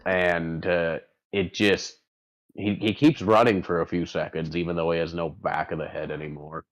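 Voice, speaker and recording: A man running a tabletop game as game master, improvising narration casually and haltingly, thinking aloud. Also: sits low, steady tone.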